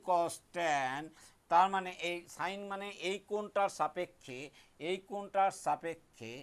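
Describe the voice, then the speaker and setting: A middle-aged man, explaining a math lesson step by step in a high voice. He repeats key points and keeps checking that the class understands. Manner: patient and repetitive, checks in often, chants a memory rhyme slowly. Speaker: math teacher.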